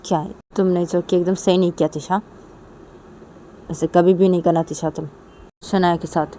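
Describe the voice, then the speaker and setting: A stern middle-aged father who lectures his daughter firmly, as a woman puts him on. The voice stays low and mellow in a storybook telling, with faint traffic behind. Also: level tone, normal speed, close to an everyday voice. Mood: scolding. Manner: scolding, lecturing.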